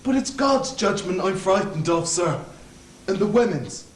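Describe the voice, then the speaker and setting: A man's voice: high-pitched, animated, measured pace, a little hiss or hum. A young man playing a fawning, anxious convict in a stage play, stammering and rambling, heard from far off on an echoey stage. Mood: nervous rambling. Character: fawning anxious male Irish convict hangman. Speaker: student actor.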